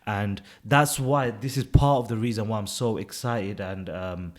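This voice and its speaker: A man's voice: on the low side, unhurried. Earnest twenty-something man. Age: 20s. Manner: earnest, eager, explaining. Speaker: podcast co-host. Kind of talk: casual chat.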